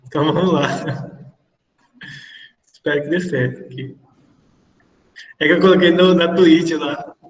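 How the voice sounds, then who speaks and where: A man's voice: fairly high pitch, unhurried, long pauses, muffled recording. Brazilian male teacher in a cave-like echo. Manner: relaxed, chatty explaining with asides. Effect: heavy cave-like echo. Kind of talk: casual livestreamed classroom lecture. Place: empty classroom. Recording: echoey hall, voice far from the mic.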